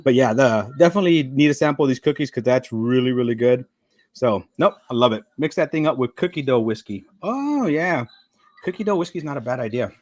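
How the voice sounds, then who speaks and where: A middle-aged man rambles through a casual live-stream chat. His pitch sits in an ordinary middle range. He talks in loose, friendly stretches full of fillers and now and then speaks with his mouth full. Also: animated, brisk. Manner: rambling, chatty, with frequent fillers; talks while eating. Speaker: livestream host.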